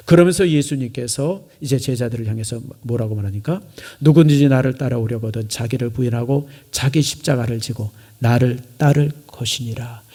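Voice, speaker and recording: A middle-aged man preaching a sermon as pastor, acting out dialogue and dropping between loud lines and hushed ones. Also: mid-range voice, slightly rough. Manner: acts out biblical dialogue and swings between loud and hushed delivery.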